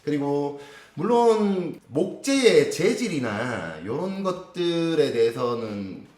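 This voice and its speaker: A man's voice: on the high side, sing-song, a little mellow, reverberant. A man hosting a guitar channel, explaining guitar specs in a casual gear review chat. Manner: explanatory, measured, frequent affirmations. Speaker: guitar lesson channel host.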